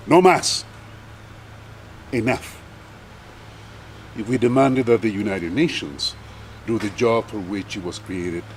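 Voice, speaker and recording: An older man from Chile speaking solemnly and in measured phrases at an outdoor memorial gathering, standing away from the microphone. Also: lowish voice, slight background noise. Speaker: poet. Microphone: far from the mic.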